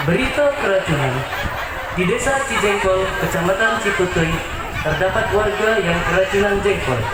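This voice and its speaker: A man reading comic parody news as a mock-serious announcer. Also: sits high. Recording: noisy, echoey recording with loud crowd. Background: loud crowd and noise.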